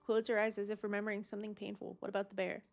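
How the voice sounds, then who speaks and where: A woman's voice: medium pitch, flat delivery, very fast, gravelly, soft background music. A woman streamer playing a game, reading the narration aloud and adding playful, casual asides.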